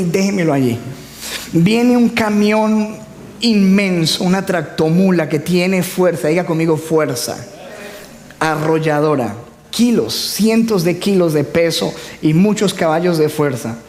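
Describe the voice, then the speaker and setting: A man preaches in a church hall, calling on the congregation to repeat after him. He speaks slowly in a high voice. The recording carries a long, echoing reverb. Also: a little mellow, slight background noise. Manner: call-and-response preaching with humor. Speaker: pastor. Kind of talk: sermon.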